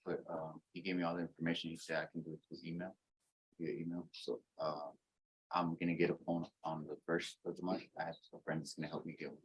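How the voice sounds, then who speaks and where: Man, defendant, deep, husky, quick, halting, stammering. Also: level tone, highs cut off. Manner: halting, stammering, repeats words.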